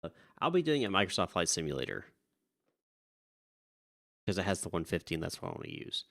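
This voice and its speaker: A man with a low, creaky, fairly bright voice talks a little fast in a sing-song way. Working a live stream as a virtual air traffic controller, he's talkative and easily sidetracked, wandering off mid-thought, then switches to polite radio calls for pilots.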